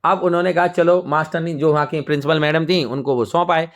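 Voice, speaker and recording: Lively teacher retelling a story. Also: male voice, a little high, fast talker. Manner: lively, conversational, acts out characters. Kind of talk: storytelling lesson summary.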